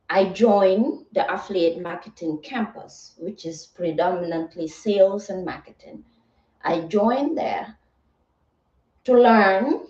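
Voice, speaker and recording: A motivational livestreamer speaks at a medium pitch with a slightly mellow quality, offering a live talk in a soothing, earnest, reflective way. She regularly checks in with her audience using rhetorical "right?" and "okay." The recording carries room echo and a slight muffle from a far-off mic.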